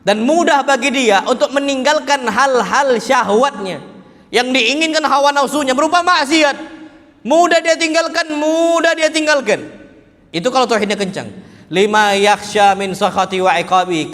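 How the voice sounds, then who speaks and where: Male ustadz, very high voice, casual lecture with call-and-response questions, Arabic quotes, echoing hall. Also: fairly bright tone. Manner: asks the audience questions and answers them himself; mixes Arabic quotations into casual Indonesian. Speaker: ustadz teaching a religious book study. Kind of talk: casual Islamic study lecture.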